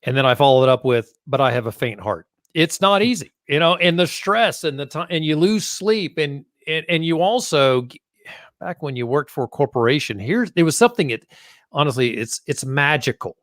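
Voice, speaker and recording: A man's voice: on the high side, animated, normal speed, fairly bright tone, no room sound. Chatty man hosting a podcast, dry sound. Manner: chatty, jokey, self-deprecating. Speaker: host. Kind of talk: casual interview podcast.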